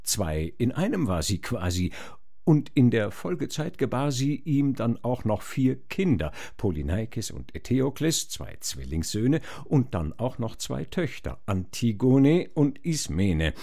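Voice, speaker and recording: A man's voice: medium pitch, very animated, a little slow, vocal fry, mellow. A man narrating a comic story in wry, rhythmic rhymed verse. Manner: wry, rhythmic rhyming delivery. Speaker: performer, narrator.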